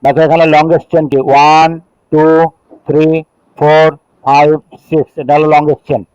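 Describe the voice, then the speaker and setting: A middle-aged man from Bangladesh with a Bangladeshi accent gives a classroom chemistry lecture. He reads rules slowly in English, then explains them in Bengali and counts chain carbons aloud. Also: fairly high pitch, flat delivery, darkish tone, clear, resonant tone, no echo. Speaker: chemistry teacher. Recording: dull, dry lo-fi recording.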